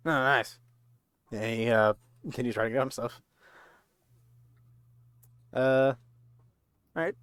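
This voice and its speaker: A man narrating a tabletop game as game master in a halting, informal, slangy way. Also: mid-range voice, a bit bright, smooth, no room sound, clean studio sound.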